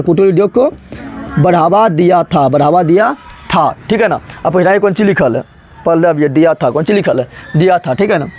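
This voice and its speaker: A man's voice: high voice, darkish tone, slight background noise. A male teacher, giving a classroom lecture. He repeats key answers and keeps asking the class questions. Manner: mixes English terms into teaching.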